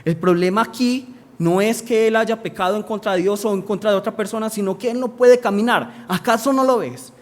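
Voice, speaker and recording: A man's voice: high-pitched, a little fast. A male preacher, giving a sermon and asking the congregation questions that he answers himself.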